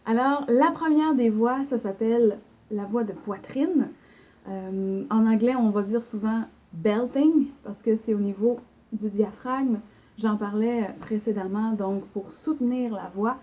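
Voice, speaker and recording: A woman's voice: a little high, a little slow, warm tone. A young woman with a Québécois French accent giving an online singing lesson, explaining patiently with fillers and short sung examples. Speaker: singing teacher.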